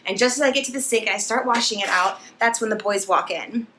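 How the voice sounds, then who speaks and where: Bright, laughing woman storyteller. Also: mid-range voice, quick pace, slight background noise. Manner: animated, laughing, acts out the story. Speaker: vlogger. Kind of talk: casual storytelling to camera.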